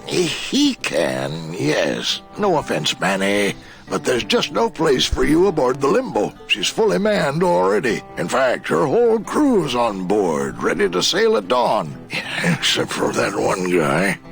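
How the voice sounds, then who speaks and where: Gravelly, salty old dockmaster, Velasco. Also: male voice, medium pitch, wildly swooping pitch, takes it slowly, a bit bright, faint music behind, full character voice. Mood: wry. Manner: folksy, drawling, teasing. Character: salty gruff old male harbor dockmaster, wry and folksy. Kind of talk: animated adventure game dialogue.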